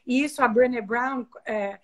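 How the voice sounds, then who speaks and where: A woman's voice: on the high side, moderate pace. Chatty Brazilian woman professor. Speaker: guest, university professor. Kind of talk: casual chat over video call.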